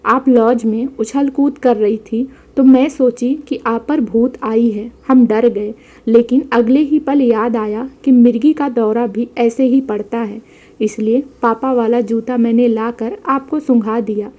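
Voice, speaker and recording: An innocent young village bride who takes every word literally, speaking in simple, rustic phrases, as a woman narrator puts her on. The voice sits fairly high and sounds mellow. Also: steady tone, measured pace. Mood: earnest. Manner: simple rustic speech, earnest.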